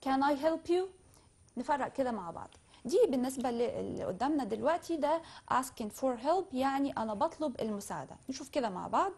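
A woman with an Egyptian Arabic accent teaching English vocabulary, speaking slowly and carefully when she models the English phrases and more quickly when she explains them. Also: sits high, animated, a little mellow, husky. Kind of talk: classroom lesson explaining vocabulary.

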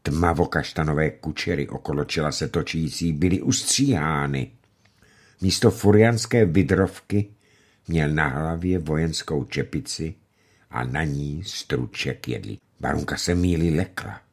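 A man narrating a classic novel as an audiobook reader, expressive and measured. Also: very deep voice.

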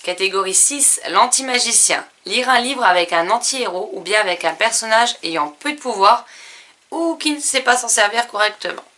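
Woman, book vlogger, bright clear tone, casual list reading, fillers and self-corrections. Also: fairly high pitch, animated, normal speed. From France. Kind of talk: casual book challenge presentation.

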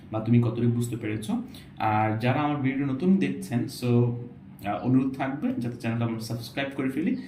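A man teaching English pronunciation in a casual video lesson, explaining patiently and repeating example words slowly. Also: mid-range voice, warm tone. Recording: echoey room, faint background noise.

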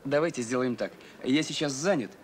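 An actor playing a mild, affable professor in a sci-fi film, polite and matter-of-fact. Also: male voice, medium pitch, a little fast, slight background noise, close to an everyday voice. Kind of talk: natural film acting.

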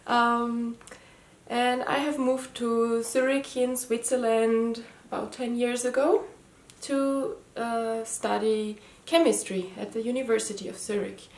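Her fairly high voice barely moves in pitch, and she takes things slowly. She's in her thirties, a native German speaker with a light Austrian German accent, casually and hesitantly chatting to camera from her living room for her first knitting video podcast, full of ums and restarts, recorded on a camera mic in head-and-shoulders framing in an echoey room.

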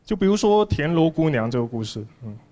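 A man in his thirties does a stand-up comedy monologue on a large TV studio stage, telling stories with mock indignation into a handheld microphone. His fairly high, mellow voice moves briskly with big pitch swings. Audience noise is clearly audible behind him.

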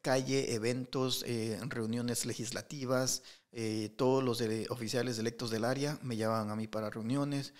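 Lively storytelling man, mid-pitched. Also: moderate pace, few pauses. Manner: animated anecdotes with many fillers and restarts. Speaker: interview guest, entrepreneur. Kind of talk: casual storytelling.

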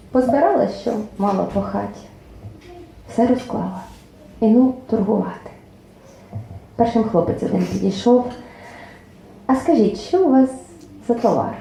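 Woman poet reading her poems at a launch, gravelly low-toned voice, endings fade to a whisper, big echoey hall. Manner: expressive recitation, lines trailing off softly, nearly whispered. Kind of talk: poetry reading at a book presentation. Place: club event hall. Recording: very echoey hall, faint room noise.

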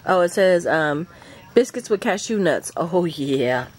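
A woman's voice: fairly low pitch, unhurried, poor audio. Gushing woman vlogger unboxing sweets. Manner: excitable, gushing, talks to her dog. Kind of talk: casual unboxing chat. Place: at home with her dog.

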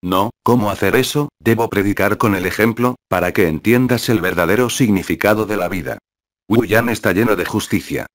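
A man's voice: on the low side, fairly quick, no echo, studio quality, lightly acted. Wu Yan, a smug shameless young man, as read by a man.

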